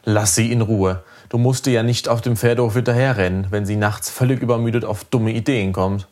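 A man's voice: lowish voice, fairly even intonation, brisk, a little mellow, lightly acted. A man voicing a grumpy, strict father who hisses stern, sarcastic remarks in a storybook.

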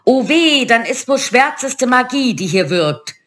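A woman's voice: high-pitched, very animated, a little slow, fairly bright tone, voice pushed up, heavily acted. A woman voicing three spiteful old witches who shriek and wail, in a storybook reading. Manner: shrieking, wailing.

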